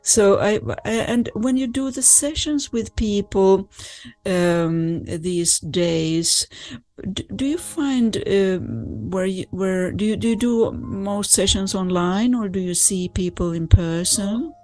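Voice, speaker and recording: A middle-aged woman from Finland, interviewing in a gentle, halting way and laughing softly. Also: mid-range voice, soft background music. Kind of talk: casual interview conversation.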